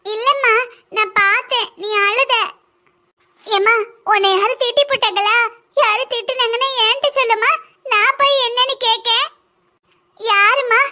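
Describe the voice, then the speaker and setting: Cartoon role: a high, whiny schoolgirl with a southern Tamil accent, voiced by a woman. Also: steady tone, a little slow, pauses often, pushed and bright, heavily acted. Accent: southern Tamil (Kanyakumari-Tirunelveli). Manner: whiny and insistent, with a tearful edge. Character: hungry little schoolgirl, pleading and whiny. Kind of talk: cartoon voice acting.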